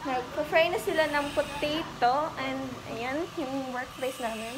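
A woman's voice: sits high, measured pace, very noisy. A young woman vlogger chatting casually through a face mask, mixing English into her Filipino. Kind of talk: casual vlog chat. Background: loud music.

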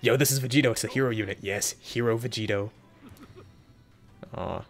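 A young man hosting a mobile game summoning video, talking casually to viewers and yelping with excitement between low muttered comments. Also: normal speed, soft background music. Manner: excitable, jumps into high yelps when hyped, muttering between pulls. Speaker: gaming video host. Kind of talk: casual gacha summon reaction.

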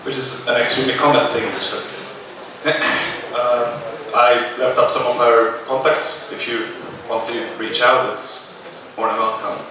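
A man addresses a conference from a podium, pausing often with fillers as he talks. He sounds far from the microphone in a very echoey hall, with clear background noise. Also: medium pitch, little pitch movement. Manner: hesitant, many uh fillers. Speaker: sponsor speaker. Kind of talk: conference talk. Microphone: podium mic, heard from afar. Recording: echoey hall, distant, noisy.

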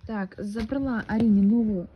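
A young woman who vlogs and is a mother talks casually at home, phone at arm's length, drifting along with fillers and restarts. Her pitch is medium and her speed normal; the audio is dull with slight background noise.

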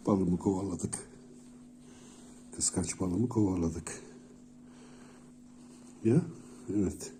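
A man's voice: low-pitched, very slow, pauses often, warm tone, a little hiss or hum. A man talking to his pet cats at home, coaxing and soothing them with many repeated calls. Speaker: pet owner. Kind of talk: casual talk to pet cats.

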